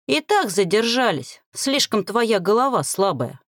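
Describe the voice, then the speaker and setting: A woman voicing a gruff, commanding bearded man who leads a band of kidnappers in a storybook. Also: medium pitch, big pitch swings, a little slow, no echo, clean studio sound. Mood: curt. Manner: curt, commanding.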